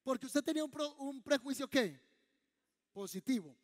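A man, preaching a humorous, animated sermon as pastor in a church. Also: extremely high pitch, moderate pace. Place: large church hall. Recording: long hall reverb.

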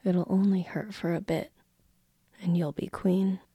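A woman's voice: on the low side, fairly even intonation, measured pace, warm tone, slightly rough, no echo, full character voice. A woman whispering the part of a cold, scheming stepmother who coaxes her daughters. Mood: coaxing. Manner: whispered, coaxing.

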